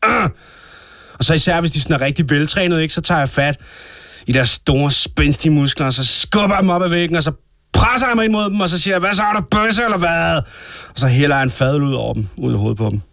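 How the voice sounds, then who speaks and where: A man's voice: on the high side, expressive, vocal fry, sharp tone, no echo, clean studio sound, exaggerated voice. A man playing a crude, violent thug in denial, blustering and tagging his lines with "right?". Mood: boastful. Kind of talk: comedy sketch acting.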